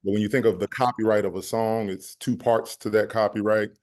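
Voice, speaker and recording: A man with a fairly low voice walks a panel audience through copyright step by step. He talks in a measured way, often pausing on fillers. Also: fairly even intonation, a little mellow. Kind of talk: explanatory panel talk.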